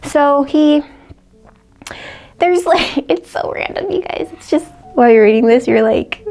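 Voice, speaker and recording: A woman's voice: high-pitched, lively intonation, unhurried, vocal fry, darkish tone, soft background music. A woman casually retelling a classic story for a book vlog, chatty and full of "like" and little laughs. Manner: chatty, heavy use of "like", laughs often. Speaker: book vlogger.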